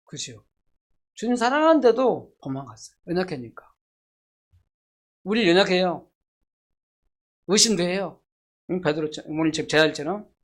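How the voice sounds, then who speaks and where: With lively intonation, a pastor preaches an emphatic sermon and fires rhetorical questions at the congregation. His voice climbs to loud emphasis and then falls to soft, low asides, while scripture quotations are read slowly and deliberately.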